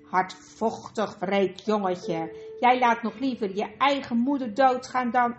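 A woman's voice: slow, muffled recording, faint music behind. A woman voicing a cruel, scheming female witch in a storybook reading, coaxing and scornful. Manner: coaxing then shrill and scornful.

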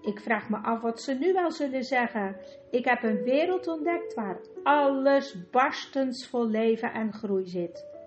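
A woman reading an audiobook and voicing a greedy, excitable sixty-year-old man who gushes and schemes. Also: fairly high pitch, a little slow, lo-fi sound, music in the background. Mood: gleeful greedy. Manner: gushing, scheming, rubs hands with glee. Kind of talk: audiobook character voice.

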